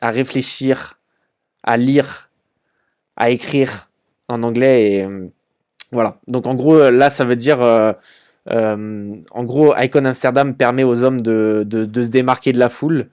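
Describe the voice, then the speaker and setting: A man's voice: medium pitch, steady tone, unhurried, a little mellow, smooth. A young man hosting a casual online business video, talking through a website with lots of fillers and repeated words. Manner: informal and chatty, many fillers and repeated words. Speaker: e-commerce channel host. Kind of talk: casual screen-share commentary.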